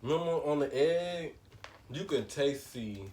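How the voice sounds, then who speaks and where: A man's voice: a little high, expressive, measured pace, mellow. A man talking casually and colloquially while eating and chewing, in a mukbang question-and-answer chat. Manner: informal, colloquial. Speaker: mukbang co-host. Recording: slightly distant mic, noisy background.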